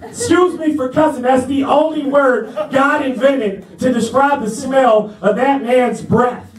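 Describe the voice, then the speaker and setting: A man's voice: very high-pitched, measured pace, reverberant, recorded from a distance, rough recording. A man doing stand-up, telling a story in a laid-back, chatty way and checking in with the crowd as he goes. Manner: laid-back, chatty, asks the crowd "you know what I'm saying". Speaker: stand-up comedian. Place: comedy club stage.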